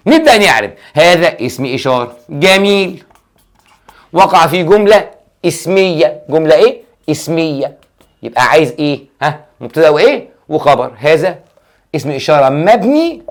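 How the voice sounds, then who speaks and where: Male Egyptian grammar teacher, animated and questioning, drawn-out emphatic delivery. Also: high voice. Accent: Egyptian Arabic. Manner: quizzes aloud and answers his own questions. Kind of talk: classroom grammar lesson.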